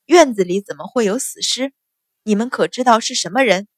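A woman's voice: on the high side, a little fast, no room sound, clean studio sound, natural voice. A woman voicing a stern, short-tempered mistress of a noble household who gives orders sharply. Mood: commanding. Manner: sharp, commanding.

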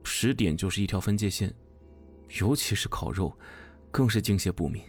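A man's voice: fairly low pitch, expressive, normal speed, slightly rough, soft background music. A man playing a hesitant young man. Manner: hesitant, stammering.

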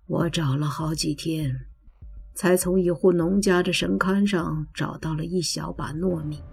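A woman's voice: low-pitched, fairly even intonation, unhurried, creaky, a little mellow, slightly rough, soft background music, full character voice. A woman voicing a playful middle-aged male godfather who brags and teases in a coaxing way, in a storybook reading. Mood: weary. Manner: joking, boastful, coaxing.

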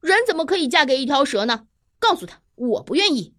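A woman voicing a blunt young eldest daughter in a children's storybook, speaking loudly and fast. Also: sits high, big pitch swings, voice pushed up. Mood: indignant. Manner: loud and quick.

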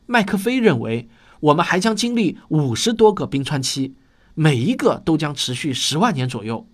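Male nature documentary narrator for a science series: slightly high pitch, highly varied melody, explanatory storytelling read. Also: big pitch swings, moderate pace. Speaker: host of a popular science audio series.

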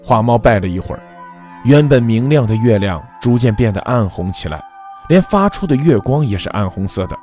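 A man narrating a folk ghost story in a measured, dramatic storytelling manner. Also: medium pitch, expressive, darkish tone, soft background music.

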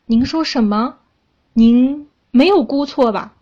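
A woman's voice: on the high side, measured pace, a little mellow, breathy edge, lo-fi sound. A woman voicing a flustered middle-aged male clerk who stammers in bewilderment, read aloud in a storybook telling. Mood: stunned.

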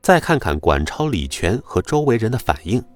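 A man narrating a web novel audiobook in an expressive storytelling manner. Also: lowish voice, normal speed, soft background music.

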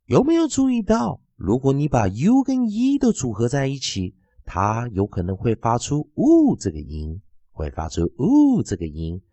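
A man's voice: medium pitch, wildly swooping pitch, moderate pace, mellow, dry recording. A man teaching an English phonics lesson, spelling out letters and repeating each sound and word several times.

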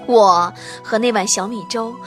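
A woman's voice: fairly high pitch, a little slow. A woman with a Northeastern Chinese accent delivering a theatrical comic monologue in an exaggerated, melodramatic way. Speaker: comic storyteller. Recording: music and audience noise behind. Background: music, crowd.

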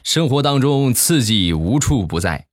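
A young man hosting a comedy podcast, telling funny stories with animated, exaggerated exasperation into a studio mic. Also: medium pitch, a little slow, soft background music. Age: young adult. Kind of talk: comic storytelling podcast.

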